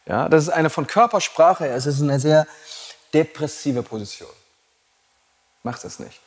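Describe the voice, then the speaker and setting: A man's voice: fairly high pitch, lively intonation, unhurried. A man teaching yoga teacher trainees in a blunt, provocative way and laughing at his own jokes. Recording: long hall reverb.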